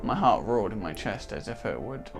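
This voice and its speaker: A man's voice: lowish voice, sing-song, normal speed, over music. Man reading game text aloud. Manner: dramatic storybook reading with casual asides. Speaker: let's play host reading narration.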